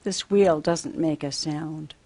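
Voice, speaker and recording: A woman's voice: low voice, fairly even intonation, slow, dark tone. A woman teaching a simple children's lesson as if reading to a toddler, asking sing-song questions and repeating simple phrases.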